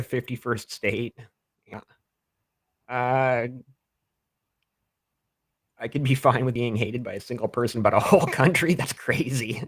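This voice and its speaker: Animated man in his fifties, dry sound. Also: no room sound. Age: 50s. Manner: animated, rising pitch when worked up. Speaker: podcast co-host. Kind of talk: casual political chat reading live comments.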